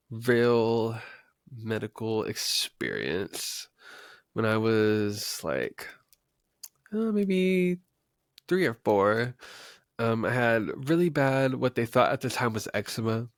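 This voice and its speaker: A young man in his twenties, originally from West Texas, hosts his own podcast with loose, unscripted chatter. His voice carries a gravelly, fry-tinged edge, and he rambles freely with plenty of ums and little laughs. The sound is dry and close, with no room echo. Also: fairly low pitch, a bit bright. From West Texas, USA. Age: 20s. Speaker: podcast host. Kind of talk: casual unscripted podcast talk.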